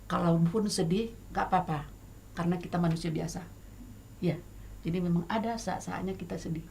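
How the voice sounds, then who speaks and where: A middle-aged woman with an Indonesian accent, talking as a guest songwriter in a casual talk show chat, hesitant with many fillers but lively and emphatic. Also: lowish voice, moderate pace, gravelly, a little hiss or hum. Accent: Indonesian, Batak.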